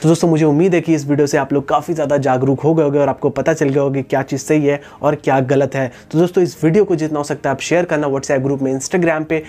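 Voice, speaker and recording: Speaking quickly with few pauses, this YouTube host talks in a slightly high, dark-toned voice that stays steady. He's a man in his twenties with an Indian accent, explaining directly to viewers from a small room against a wall, recorded on a lapel mic.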